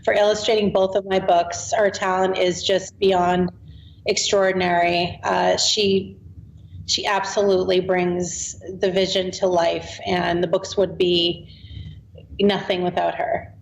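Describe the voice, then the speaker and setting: A Boston author in her late forties chats easily as a podcast guest, laughing now and then in a casual interview. Her lowish, gravelly voice is flat and a little slow, captured on roomy, dull remote audio with faint noise.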